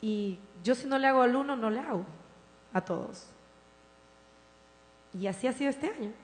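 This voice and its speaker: A woman pastor preaching a sermon in a church, swinging from impassioned declarations to soft, tender storytelling. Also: a little high, normal speed. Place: church sanctuary. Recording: reverberant hall with mains hum.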